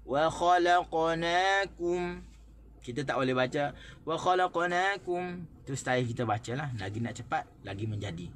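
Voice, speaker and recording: A man with a Malaysian Malay accent teaching Quran recitation. He explains in short phrases and then recites the examples slowly. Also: mid-range voice, fairly bright tone, slight background noise.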